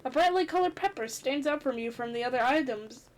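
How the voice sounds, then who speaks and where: A woman reading a story game's text aloud in a theatrical, expressive way, with casual commentary as a gaming host. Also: high-pitched, a little fast, poor audio.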